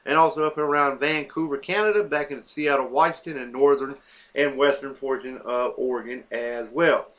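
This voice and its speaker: A man presenting a weather forecast talks through the maps unscripted, going down a list of places with plenty of fillers and self-corrections. His voice is mid-range and a bit bright, with a steady tone at a moderate pace.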